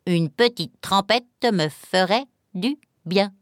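A woman voicing a plump, calm duck in a storybook, speaking in a calm, dry way. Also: mid-range voice, takes it slowly, no room sound, lightly acted. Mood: content.

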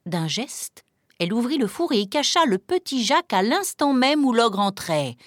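A woman reading a fairy tale aloud with an expressive storytelling manner. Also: a little high, normal speed, no echo, studio quality.

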